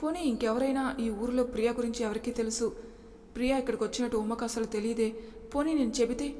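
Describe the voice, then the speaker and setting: A woman's voice: on the high side, quick pace, mellow, big-room sound, lightly acted. A woman doing an evasive young husband. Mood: anxious.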